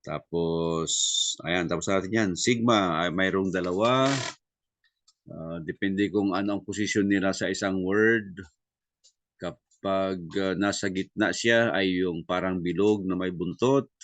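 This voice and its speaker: A man teaching a Greek review class. He mixes Tagalog and English, uses many fillers and tag questions, and slows down to spell out sounds. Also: low-pitched, fairly even intonation, no room sound. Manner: spells out sounds slowly and deliberately.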